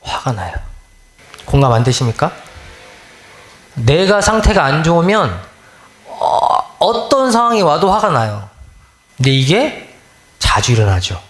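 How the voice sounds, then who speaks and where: Lively questioning male minister. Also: on the high side, normal speed, long pauses. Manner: asks the listeners many questions, acts out everyday grumbles. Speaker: Won-Buddhist minister. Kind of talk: conversational dharma talk.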